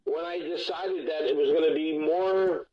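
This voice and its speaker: A man's voice: on the high side, steady tone, normal speed, crowd noise. A man calling in as a guest musician, talking bluntly and candidly with frequent restarts, heard over a speakerphone line. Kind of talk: candid phone-in interview. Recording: dull lo-fi phone line.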